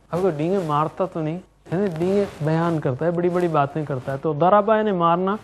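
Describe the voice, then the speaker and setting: A man's voice: fairly high pitch, a little hiss or hum. A middle-aged man teaching Quranic Arabic grammar, chanting verb forms in rhythmic drills and explaining them in sprinkled with English words. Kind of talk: classroom lecture with drills.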